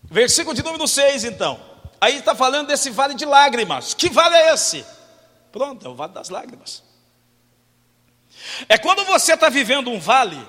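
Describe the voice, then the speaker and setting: A man preaching a sermon as pastor, animated, swinging from loud to hushed and asking the congregation questions. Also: very high-pitched, long reverb tail. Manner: talks directly to the congregation with questions.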